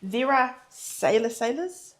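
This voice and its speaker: A woman's voice: a little high, lively intonation, takes it slowly. A woman co-hosting a casual live stream, teasing her co-host and adding context.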